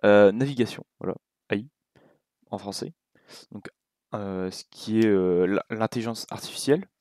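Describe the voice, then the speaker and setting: A young man with a French accent giving a relaxed, casual coding tutorial at his computer, thinking aloud with many fillers and asides. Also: lowish voice, normal speed, no echo. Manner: relaxed, talks while clicking, many fillers and little asides. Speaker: game development tutor.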